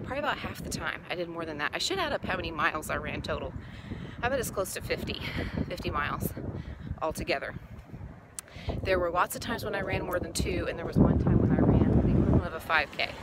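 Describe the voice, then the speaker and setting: A woman with a fairly low voice talks casually while walking outdoors, filming on a phone held at arm's length. Street ambience and passing cars are clearly heard behind her. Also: heavy background noise. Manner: chatty, searches for words mid-sentence. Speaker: vlogger. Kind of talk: casual walk-and-talk vlog. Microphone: phone held at arm's length, earbud mic.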